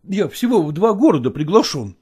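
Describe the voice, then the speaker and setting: Man doing a weary touring actor, husky high voice, lively swings, dark tone, coaxing, audiobook drama. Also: fairly quick, exaggerated voice. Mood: persuading. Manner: coaxing, patronizing, sighing.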